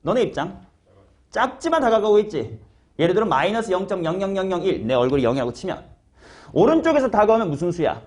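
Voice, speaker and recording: A male math teacher giving a classroom lecture. His voice sits high and swings widely in pitch as he explains. He talks in a casual, slangy way and keeps putting questions to students by name. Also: big pitch swings, fast talker, darkish tone.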